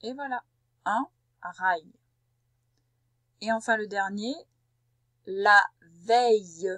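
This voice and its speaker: A woman teacher leading a recorded spelling dictation for a young child, saying each syllable slowly and carefully and giving gentle step-by-step instructions. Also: mid-range voice, no echo. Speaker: primary school teacher.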